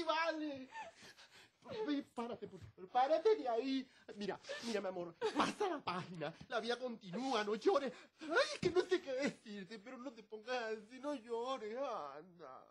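A man's voice: extremely high pitch, expressive, a little slow, full character voice. An actor playing a caring, fussy male friend in a telenovela, with a soothing manner. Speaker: soap opera character. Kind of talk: telenovela acting.

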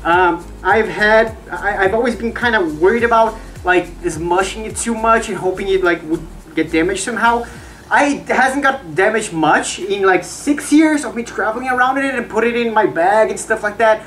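A woman's voice: medium pitch, normal speed, a bit bright. A chatty, upbeat woman talking from inside a costume mask head, casually reviewing it with frequent restarts. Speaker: fursuiter reviewing her own costume.

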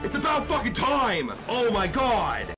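A young man raging at a video game on a live stream, shouting and swearing. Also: extremely high pitch, very animated, unhurried, music in the background. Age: young adult. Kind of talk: live gaming stream reactions. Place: small room at home, indoors.

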